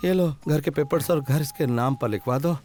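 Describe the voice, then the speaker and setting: A blunt young thief who is hard of hearing, played by a man in a dubbed action film. His voice sits slightly high for a man, and his replies come flat and deadpan. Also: moderate pace, natural voice. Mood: calm storytelling.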